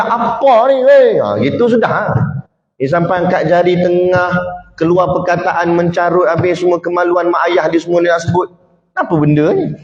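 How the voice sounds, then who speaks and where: A man with a Malay accent preaches in an animated, conversational manner, acting out voices and tagging his points with "ha" and "kan". His voice sits fairly high for a man. It rings through a long, echoey hall on a dull, lo-fi recording. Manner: lively, animated, acts out quoted speech, frequent "ha" and "kan". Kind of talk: religious lecture.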